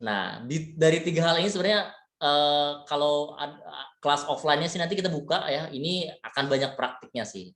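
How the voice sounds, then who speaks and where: A man giving a relaxed, chatty leadership lecture, full of fillers and tag words, mixing in English terms. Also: fairly high pitch, brisk. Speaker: leadership trainer. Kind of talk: casual webinar lecture. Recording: echoey room.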